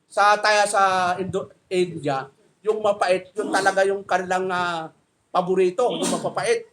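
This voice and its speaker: A man's voice: high voice, unhurried, fairly bright tone. A middle-aged man with a Filipino accent, a pastor preaching a sermon in a joking, conversational way and asking the congregation questions.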